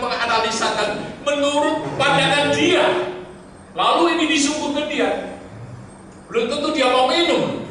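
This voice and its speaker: An older man with a high voice preaches a seminar sermon. He drops English phrases into his talk and swings from loud, emphatic bursts to low, quiet asides. He is picked up from far off in a very echoey hall over clear background noise. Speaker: pastor teaching a seminar. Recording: very echoey hall, distant mic, noisy.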